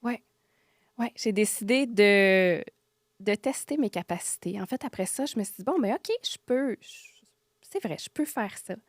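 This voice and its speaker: A woman's voice: mid-range voice, moderate pace, no room sound. Quebec french lady telling stories on a podcast, acts out her own lines, dips to near whispers, dry close sound. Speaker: medium, podcast guest. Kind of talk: casual storytelling interview.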